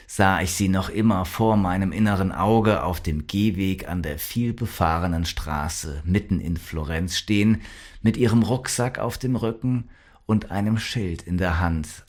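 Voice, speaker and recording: Deep, slow male audiobook narrator. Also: expressive, a little mellow. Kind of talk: scripted crime audiobook narration.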